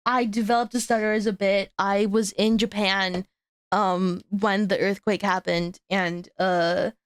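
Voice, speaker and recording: A young woman hosting a guest on her VTuber stream rambles in casual chat, laughing at herself as she stutters and restarts again and again. Her voice is smooth and medium-pitched, with a level tone and measured pace. It's a dry recording.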